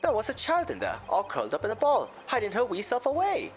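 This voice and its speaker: A man puts on a high voice, well above his natural register, with huge pitch swings and a fast delivery. He plays a folksy, genial, smooth-talking Irish moneylender testifying as a witness in a courtroom game, using an Irish accent and a theatrical lilt. It's a voiced reading of game dialogue with the feel of dramatic storytelling.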